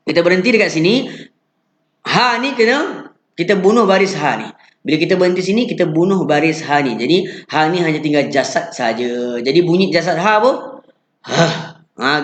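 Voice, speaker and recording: A man with a Malaysian Malay accent teaching Quran pronunciation, patiently drilling syllables and chanting verses slowly. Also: on the high side, echoey room. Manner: chants the verse in slow drawn-out recitation.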